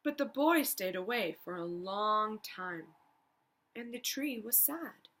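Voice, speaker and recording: A woman reading a children's storybook aloud as a teacher, expressively, pausing to prompt young listeners with questions. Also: medium pitch, animated, a bit bright.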